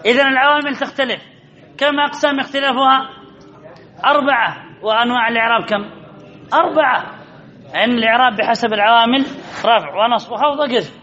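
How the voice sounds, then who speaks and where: A man teaching a grammar lesson, who asks questions and answers them himself and repeats key phrases slowly. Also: extremely high pitch, bright, forceful tone. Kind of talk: classroom lecture, repetitive question and answer. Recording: dull lo-fi recording.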